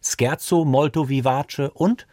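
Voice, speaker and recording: A man reading a scripted radio feature in a measured, precise way. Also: mid-range voice, dark tone, no room sound. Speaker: radio presenter. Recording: dry studio sound.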